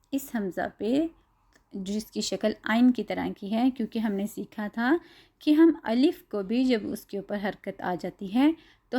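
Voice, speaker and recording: A woman teaching Quran tajweed, slowly spelling out letter sounds and then repeating them clearly. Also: mid-range voice, darkish tone. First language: Urdu. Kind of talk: tajweed lesson, reciting letter drills.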